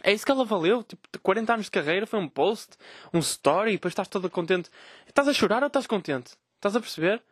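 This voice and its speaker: A man's voice: sits high, lively intonation, fast, slightly rough, no echo, clean studio sound. A young man with a European Portuguese accent, ranting sarcastically and swearing on his solo podcast. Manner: profane, sarcastic, mocking voices of others. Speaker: podcast host.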